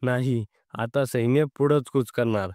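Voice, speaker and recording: Storybook general, arrogant and angry, barking orders, read by a male narrator in a smooth, dry voice. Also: medium pitch, fairly even intonation, a little slow, darkish tone, no echo, close to an everyday voice. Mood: defiant. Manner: commanding, scornful.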